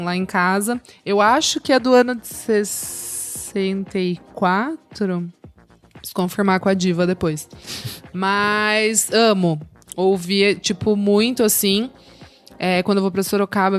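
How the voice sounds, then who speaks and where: A woman from Brazil co-hosting a podcast, reminiscing fondly in a relaxed, casual way with many fillers. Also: medium pitch, measured pace, faint music behind. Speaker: podcast co-host. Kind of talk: casual chat.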